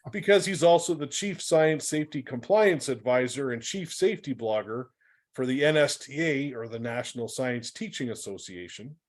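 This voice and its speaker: A man hosts an online webinar over a computer mic, talking in a mid-pitched voice. He introduces the presenter in a friendly, upbeat way, with the odd "uh" along the way. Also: darkish tone. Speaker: webinar host.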